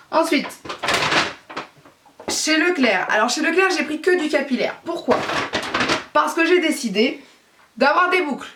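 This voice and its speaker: A woman chats about her beauty haul in a casual, gushing way, with many hesitations along the way. Her voice sits at an ordinary pitch. It carries a roomy echo and sounds a little distant from the mic. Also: fairly bright tone. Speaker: beauty vlogger. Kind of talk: casual haul chat to camera.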